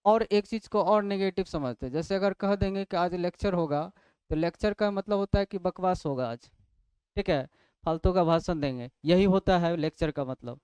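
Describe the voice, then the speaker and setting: A man's voice: high voice, moderate pace, a little mellow, smooth, no room sound. A man teaching English grammar in a classroom lecture, asking questions and answering them himself step by step. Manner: explains step by step, asks and answers his own questions.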